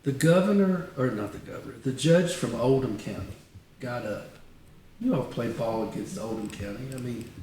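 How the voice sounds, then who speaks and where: This retired county attorney, an older man, is an interview guest spinning long, rambling stories in an animated, anecdotal way. His mid-range voice moves at a moderate pace through the casual chat, captured by a distant mic in an echoey room with a little background noise.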